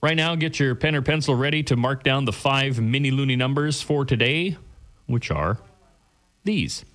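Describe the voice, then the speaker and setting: A man working as a bingo caller on the radio, announcing rules and numbers in a deliberate, repetitive announcer's delivery. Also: medium pitch, animated, a bit bright.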